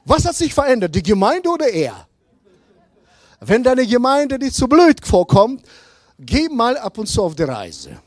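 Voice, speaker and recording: Middle-aged male pastor, sermon, slow and emphatic; high voice, very animated pitch. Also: no room sound. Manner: slow, emphatic preaching that swings from loud to hushed.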